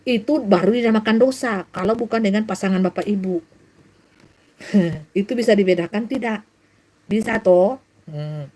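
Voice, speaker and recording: A woman's voice: mid-range voice, moderate pace, long pauses, dark tone, low-quality recording. A middle-aged woman preaching to viewers on a live stream, lecturing them directly and breaking into frequent laughter. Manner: laughs often, bursts of acted shrieks. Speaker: self-styled prophet preacher.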